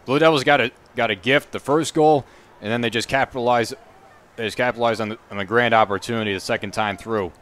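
Male soccer color analyst, average pitch, conversational and explanatory. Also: fairly even intonation, quick pace, a bit bright. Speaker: color commentator.

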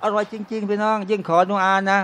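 High-voiced man preaching to a crowd. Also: flat delivery, fast, a bit bright, clean tone. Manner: keeps calling out to listeners as brothers and sisters, asks rhetorical questions; jokey and conversational, acts out short everyday scenes. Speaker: Islamic religious teacher. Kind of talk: informal sermon to a live audience. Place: restaurant used as a talk venue.

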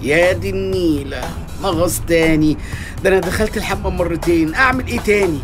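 Fast-talking Egyptian shopkeeper, a man acting. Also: high-pitched, over music, natural voice. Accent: Egyptian Arabic. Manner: fast, teasing, wheedling. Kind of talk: comic radio drama.

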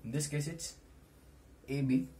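A young man teaching maths at a whiteboard in a small room, explaining deliberately in short steps. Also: on the high side, dark tone. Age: teens to young adult. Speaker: maths tutor. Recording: noisy small-room camera recording.

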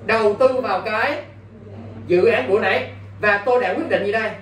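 A man's voice: high voice, a little fast, fairly bright tone. A male English teacher, giving an exam-prep lesson and constantly quizzing his students. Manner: quizzing, keeps asking "got it?". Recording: roomy, distant mic, faint background noise.

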